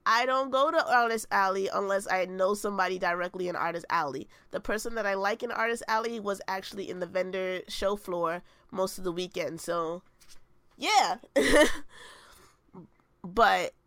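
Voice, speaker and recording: A podcast co-host chats casually, telling a story in an animated way and acting out quotes. Her medium-pitched voice moves at a moderate pace, with no room sound.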